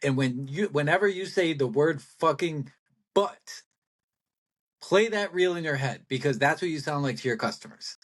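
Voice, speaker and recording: A middle-aged man co-hosting a casual business talk show. His voice sits a little high for a man, and he rambles in an animated way, laughing often. He talks bluntly and throws in the odd swear word. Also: normal speed. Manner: blunt, salty language. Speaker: podcast co-host.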